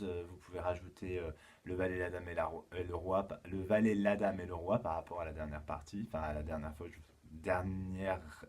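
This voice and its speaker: Low husky guy teaching little kids from home, slow patient counting, lots of euh and donc. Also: a little mellow. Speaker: kindergarten teacher. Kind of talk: remote lesson for young children and parents.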